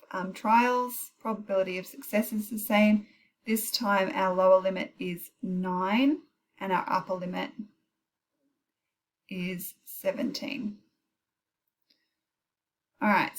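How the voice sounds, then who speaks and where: A woman gives an informal maths tutorial in a mid-pitched voice. She thinks aloud as she works through each calculator step, with small self-corrections and quick apologies along the way. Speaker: maths teacher. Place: recorded while heavy rain pours outside.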